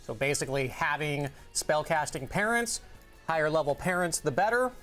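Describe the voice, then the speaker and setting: A relaxed man answers viewer questions and explains game mechanics in easy, casual chat. Faint music sits low behind his voice. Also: moderate pace. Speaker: game developer co-host.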